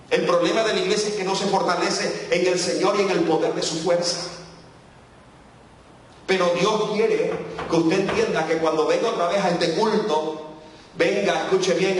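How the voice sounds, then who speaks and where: A man from El Salvador with a Salvadoran Spanish accent, preaching a fervent Pentecostal sermon as a guest preacher, calling out to the congregation. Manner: fervent, calls out to the congregation, sweeping pitch. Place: church sanctuary. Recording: echoey church hall, distant mic.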